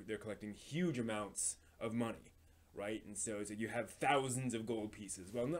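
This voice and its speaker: A man with a medium-pitched voice hosts a relaxed live stream about his hobby projects. He explains them haltingly, as if working things out aloud.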